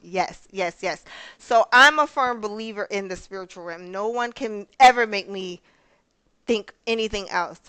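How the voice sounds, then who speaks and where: A woman's voice: medium pitch, pushed and bright, clear, resonant tone, dry recording. A woman co-hosting a podcast, telling earnest personal stories in casual chat, often using "like.". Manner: earnest, personal storytelling with many "like" fillers. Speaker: podcast co-host.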